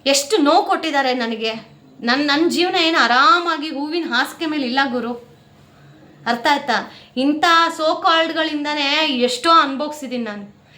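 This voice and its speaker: A woman's voice: high voice, moderate pace, pushed and bright, reverberant. A woman vlogger talking to her viewers at home, aggrieved and indignant, close to tears as she vents. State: near tears. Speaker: family vlogger. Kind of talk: emotional talk to camera.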